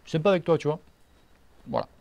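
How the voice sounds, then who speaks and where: Host answering viewer questions, southern French accent, gravelly, blunt and teasing. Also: male voice, on the high side, wildly swooping pitch, very fast, warm tone, no echo. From Catalonia, near Perpignan. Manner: blunt, joking, slangy. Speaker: cycling channel host.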